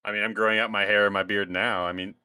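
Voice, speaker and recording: Deep-voiced man, bright and crude. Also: little pitch movement, fast talker, slight background noise. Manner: rambling, crude joking. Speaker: podcast co-host. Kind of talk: casual podcast banter.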